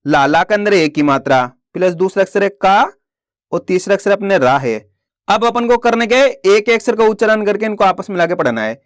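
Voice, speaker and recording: Male teacher, slow patient delivery, asks and answers his own questions, dry close recording. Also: high voice, animated, no echo. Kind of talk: teaching Hindi reading step by step.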